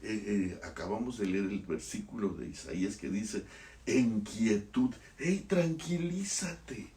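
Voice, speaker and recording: A male pastor preaching a sermon, impassioned, swinging from hushed lines to loud exclamations. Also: lowish voice, a little slow, roomy sound, recorded from a distance.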